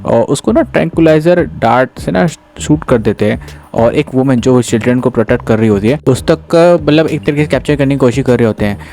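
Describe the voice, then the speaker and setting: A man's voice: mid-range voice, brisk, a little mellow. Chatty man retelling a manga chapter. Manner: chatty, keeps addressing the listener as brother. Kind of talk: casual explanatory retelling.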